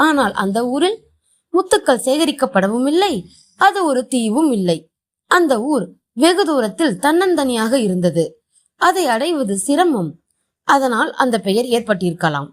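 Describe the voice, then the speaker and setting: A woman reading translated short stories aloud as a storyteller, voicing the dialogue expressively. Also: high voice.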